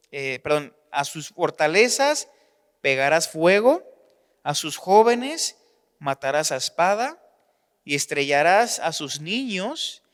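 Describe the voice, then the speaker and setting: A man with a Mexican Spanish accent preaching a sermon, telling the story in an animated way and acting out the dialogue. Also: on the high side. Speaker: pastor. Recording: long hall reverb.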